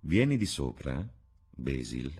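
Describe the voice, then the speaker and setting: A man reading the part of an arrogant, scornful young gentleman in an audiobook, with a sneering, cutting manner. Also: lowish voice, animated, moderate pace, breathy edge, voice pushed up. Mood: cold.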